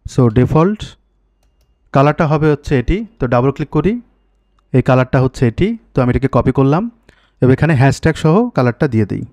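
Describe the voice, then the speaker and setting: A man's voice: mid-range voice, expressive, a little fast, pauses often, a little mellow, no room sound. Man thinking aloud through a coding tutorial. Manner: thinks aloud, fixes errors as he goes, uses English tech terms. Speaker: coding instructor. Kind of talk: screen-recorded coding tutorial.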